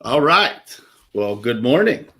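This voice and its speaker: A man's voice: medium pitch, big pitch swings, slow pace, a bit bright. A man hosting a casual interview, easygoing and full of filler words. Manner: easygoing, lots of "uh" fillers and restarts. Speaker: show host.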